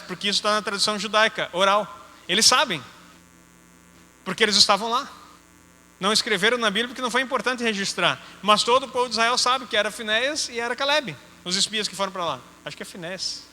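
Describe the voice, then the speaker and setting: A man's voice: sits high, pushed and bright. A man with a Gaúcho Brazilian accent teaching a sermon in a conversational way with joking asides. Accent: Gaúcho Brazilian Portuguese. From Rio Grande do Sul, Brazil. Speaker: apostle preaching. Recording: hall reverb with faint music.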